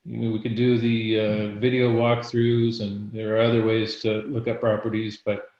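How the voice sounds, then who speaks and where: During a live panel, a hoarse man who is losing his voice gives a real estate market update as an investor agent, often clearing his throat and restarting sentences. His voice is lowish and monotone at a moderate pace, with the highs cut off and a roomy echo.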